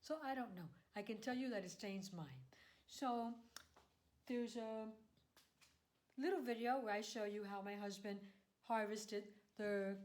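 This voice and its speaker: A woman talks casually to her viewers in a home vlog. She rambles, restarts her sentences and corrects herself. Her voice sits at an ordinary middle pitch. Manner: chatty, rambling with self-corrections. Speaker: craft podcast host.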